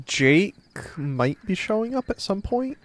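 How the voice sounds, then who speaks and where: A man's voice: high-pitched, big pitch swings, unhurried, no room sound. A tired man rambling casually and self-deprecatingly to his live stream chat, a little under the weather. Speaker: game streamer.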